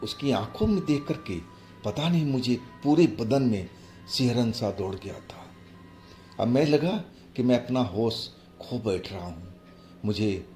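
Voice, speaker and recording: Slow, low-voiced male horror storyteller. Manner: slow, halting, hushed retelling. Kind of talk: first-person horror story narration. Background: faint music.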